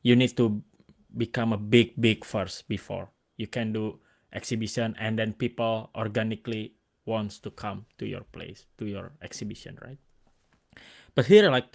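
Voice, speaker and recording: A man from Indonesia with an Indonesian accent, hosting a casual interview, speaking in halting bursts full of restarts and fillers. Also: lowish voice, fairly even intonation, creaky. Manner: halting, restarts words, many likes and fillers. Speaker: host and photographer.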